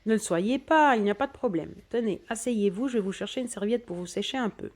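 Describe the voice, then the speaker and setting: A man's voice: high-pitched, lively intonation, fairly quick. A woman reading the part of a courteous, reassuring man in his sixties in an audiobook story. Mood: kind. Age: 60s. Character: kind, well-groomed man in his sixties, host.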